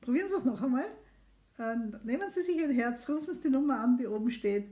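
Quick and lively in intonation, her mellow voice runs on the high side. The middle-aged woman doctor hosts a casual live consultation stream by phone, chatting warmly and encouraging people to call.

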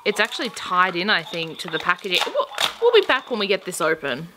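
A woman's voice: lowish voice, sing-song, fairly quick, noisy background. A woman co-hosting a casual toy unboxing, laughing often while she explains the instructions step by step. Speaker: toy review co-host.

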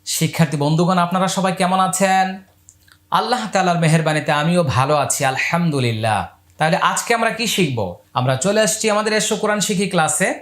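A man teaching Quran reading step by step. He spells out each letter and vowel, then chants the whole word slowly. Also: high-pitched, animated, fairly bright tone. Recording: echoey room.

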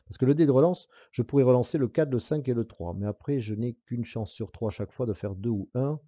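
A man's voice: medium pitch, brisk, dry recording. A man playing a board game alone and explaining the rules as he goes, thinking aloud, counting dice and weighing his moves in a casual way. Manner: casual, with hesitant fillers and soft laughs. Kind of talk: solo board game playthrough tutorial.

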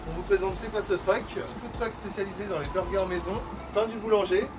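A man's voice: sits high, fairly even intonation, fairly quick. A man who runs a food truck, talking through a face mask and listing his products in short, clipped phrases. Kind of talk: presenting his business to a vlogger. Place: outdoors by a food truck in town. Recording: distant mic, street and engine noise.

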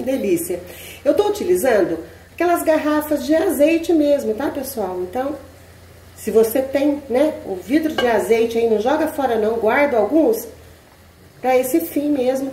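A woman's voice: on the high side, dark tone, a little hiss or hum. A Brazilian woman hosting a home cooking tutorial, chatting casually with viewers and checking in with them every few words. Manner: chatty, asks "tá?" constantly, addresses viewers as "gente". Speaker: cooking channel host. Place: home kitchen, indoors. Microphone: camera mic, speaker off-camera. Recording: echoey kitchen room.

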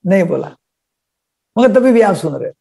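Older man, high-voiced webinar psychiatrist. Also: big pitch swings, moderate pace, vocal fry, warm tone, breathy edge. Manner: explains by acting out little dialogues. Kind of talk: live webinar talk. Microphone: video call.

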